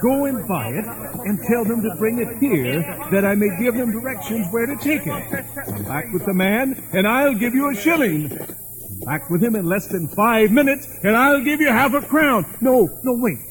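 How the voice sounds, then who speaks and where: A man's voice: very high-pitched, lively intonation, normal speed, a crowd in the background, rough recording. A man playing an old miser who pleads with a spirit and then bursts with giddy joy at being changed. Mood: excited generous. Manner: pleading, then overjoyed and breathless with laughter.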